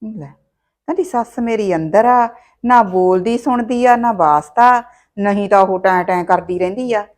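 A woman's voice: medium pitch, normal speed, darkish tone, close to an everyday voice. An actress playing a caring older mother who visits her married daughter, talking in a homely, advising way full of sayings, with a Punjabi accent. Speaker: actor. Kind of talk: village short-film acting.

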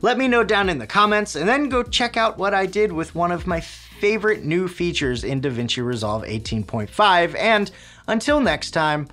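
A man's voice: sits high, lively intonation, moderate pace, fairly bright tone, soft background music. A man hosting a video tutorial, walking through editing steps in an upbeat, step-by-step way. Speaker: video creator and host. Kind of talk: scripted tutorial narration.

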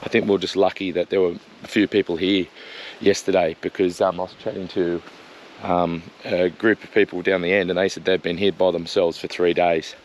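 A man's voice: deep voice, flat delivery, fairly quick. A man in easygoing, chatty vlog talk at an outdoor bush campsite. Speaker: travel vlogger. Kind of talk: casual vlog chat. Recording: noisy outdoor camp recording.

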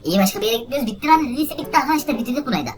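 A woman hosting a let's play video, giving excitable, exclaiming commentary and talking straight to her viewers. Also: a little high, very fast, a crowd in the background. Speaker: gaming video host.

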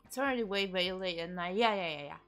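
Eating while she streams, a young woman chats casually with viewers, reading and answering chat and giggling often. Her voice is lowish, quick and a bit bright, with faint music in the background.

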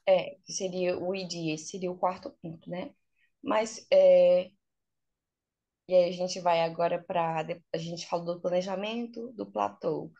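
A woman's voice: on the low side, steady tone, unhurried, vocal fry, mellow. A woman with a Brazilian Portuguese accent, an English teacher patiently explaining her points step by step in a casual interview. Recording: dull, lo-fi sound.

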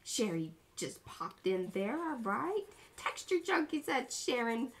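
Slow and sing-song, her slightly high voice bounces along as she greets viewers by name. She's in her thirties, co-hosting an art livestream from her small home studio with bubbly, playful chatter.

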